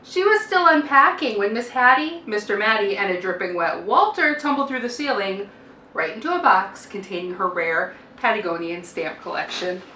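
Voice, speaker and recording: A woman with a medium-pitched voice reads a children's picture book aloud the way a teacher would, using expressive, deliberate emphasis and a dramatic sing-song delivery. The recording sounds roomy, with a distant microphone and faint noise.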